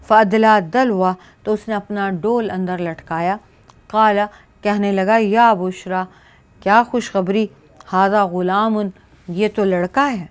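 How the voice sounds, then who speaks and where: Smooth-voiced woman teaching scripture. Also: mid-range voice. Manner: recites short scripture phrases, then explains each one in measured steps. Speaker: Quran teacher. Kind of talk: verse-by-verse scripture commentary.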